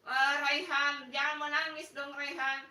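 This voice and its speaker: A woman's voice: high voice, level tone, measured pace, pushed and bright. A woman hosting a casual live stream, teasing viewers with mock sympathy and coaxing them to like, with a Makassar Indonesian lilt. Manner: playful, coaxing viewers to like and subscribe. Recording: echoey room, voice a bit far from the mic.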